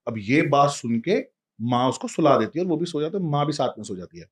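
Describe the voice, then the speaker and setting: Guy casually telling a devotional tale, lively, chatting right at you. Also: a little high, brisk, husky. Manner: lively, talks straight to a listener. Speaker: storyteller.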